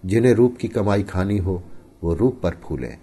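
A man voicing a frightened, guilty young village wife in a high, trembling falsetto. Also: lively intonation, moderate pace, dark tone, slightly rough. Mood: brooding.

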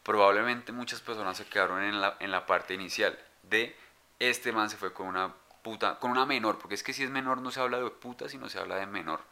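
A man's voice: on the low side, fairly quick, pushed and bright. A man co-hosting a podcast, talking bluntly in casual chat. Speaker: podcast co-host.

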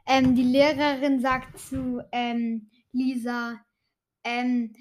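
A woman with a high voice tells jokes in a relaxed, casual way. She often pauses with fillers while pulling jokes from memory. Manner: hesitant, with frequent fillers while recalling jokes. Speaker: co-host telling jokes. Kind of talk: casual joke telling.

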